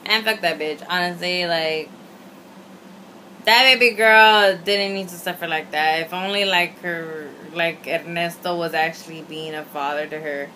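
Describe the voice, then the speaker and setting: Tipsy, bright-voiced young woman. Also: fairly low pitch, steady tone, a little slow, low-quality recording. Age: young adult. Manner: tipsy, rambling drunk talk; sweary, slangy, emphatic. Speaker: video reviewer. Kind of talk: casual opinionated review chat to camera. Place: small indoor room at home. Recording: faint room noise.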